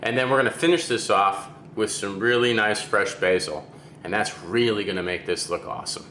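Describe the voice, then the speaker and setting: A man's voice: lowish voice, a little fast, bright, forceful tone, roomy sound, a little hiss or hum. A man working as a chef, giving a step-by-step cooking demonstration and checking in with "okay?".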